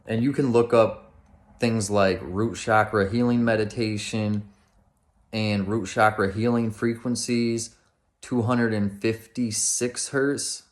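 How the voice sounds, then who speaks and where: A man giving casual, instructional talk as a meditation teacher, speaking in an informal, plain-spoken way. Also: lowish voice.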